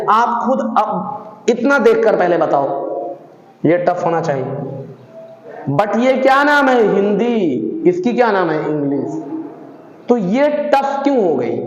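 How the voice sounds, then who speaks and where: High-voiced man teaching in an echoey room. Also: lo-fi sound. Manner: encouraging, asks the audience questions and answers them himself. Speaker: English teacher. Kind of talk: motivational spoken-English lesson. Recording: echoey room with long reverb.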